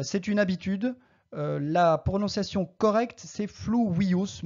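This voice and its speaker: A patient Latin teacher speaks at a mid pitch, with a warm, mellow tone. They say each Latin word carefully, then explain it plainly. The recording is somewhat dull and lo-fi. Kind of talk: recorded language lesson.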